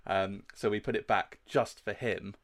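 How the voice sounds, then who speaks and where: A man's voice: on the low side, fairly even intonation, normal speed, fairly bright tone. A man co-hosting a podcast with casual, jokey, informal banter. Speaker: podcast co-host.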